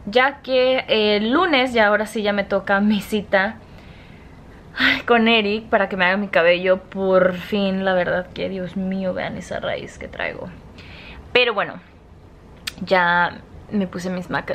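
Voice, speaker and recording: A young woman with a Mexican Spanish accent chats casually to her vlog camera at night, relaxed and unhurried. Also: medium pitch, a little hiss or hum. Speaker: vlogger.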